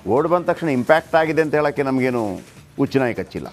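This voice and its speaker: A man with a Kannada accent presenting the news in an animated, emphatic and sarcastic way. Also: medium pitch, fast, soft background music. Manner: emphatic, sarcastic, mimics officials. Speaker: news anchor.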